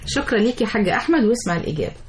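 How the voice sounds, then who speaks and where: A woman with an Egyptian accent hosting a live call-in radio show, polite and brisk as she steers the callers. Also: a little high, expressive, a little hiss or hum. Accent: Egyptian Arabic.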